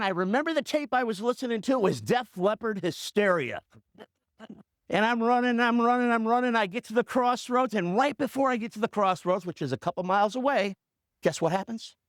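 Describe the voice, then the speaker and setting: A man in his fifties, a coach and radio host, telling a motivational story in an animated way with punchy repetition. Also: high voice, brisk, no room sound, studio quality.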